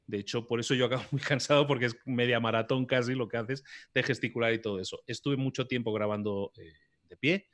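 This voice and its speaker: Animated man. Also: mid-range voice, no room sound. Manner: animated, explanatory, gesturing while speaking. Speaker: podcast guest. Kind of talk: conversational interview. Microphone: podcast mic on an articulated arm.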